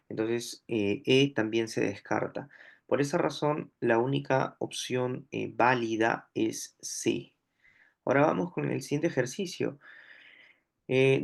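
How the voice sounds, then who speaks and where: A man with a Peruvian Spanish accent teaching a grammar lesson, slow and deliberate, repeating each example word aloud. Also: mid-range voice, gravelly. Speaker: language teacher.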